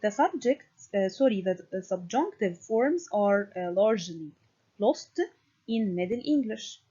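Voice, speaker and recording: A woman giving a recorded university lecture, speaking deliberately and often pausing to check understanding with "okay". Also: medium pitch, lively intonation, dark tone, breathy edge. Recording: dull lo-fi recording.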